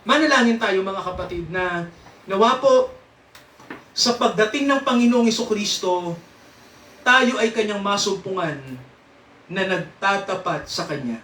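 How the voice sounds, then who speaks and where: Male preacher, high bright voice, chatty teaching style, roomy distant recording. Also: measured pace, pauses often, slight background noise. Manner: asks the congregation questions, frequent "no?" and "sir"; chuckles often while teaching. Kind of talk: interactive Bible teaching. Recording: echoey room, mic at a distance.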